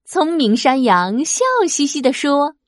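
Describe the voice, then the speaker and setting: Woman, storyteller, children's book, slow, very lively pitch, dry room. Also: no echo. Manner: slow, lively, expressive, sound effects.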